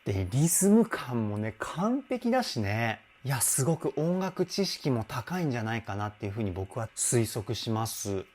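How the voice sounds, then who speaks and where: A man's voice: mid-range voice, very animated, normal speed, hardly any pauses, darkish tone, slight background noise. A man working as a vocal trainer, chatting enthusiastically in a casual commentary, with hums and interjections. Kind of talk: casual music analysis commentary.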